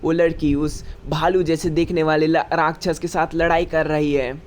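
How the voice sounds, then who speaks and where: A man's voice: fairly high pitch, level tone, moderate pace, slight background noise. A man narrating a story recap in a casual, chatty, conversational way.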